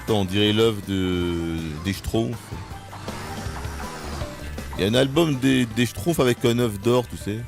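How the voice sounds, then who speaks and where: A man streaming a game live, ranting in exasperation with swearing and sudden high-pitched outbursts. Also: measured pace, gravelly, pauses often, over music. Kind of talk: live gaming stream commentary.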